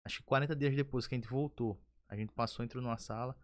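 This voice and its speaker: Guy hosting a church podcast, earnest storyteller, normal pitch. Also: fast. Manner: earnest storytelling, rising when excited. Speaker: podcast host. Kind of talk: casual testimony chat.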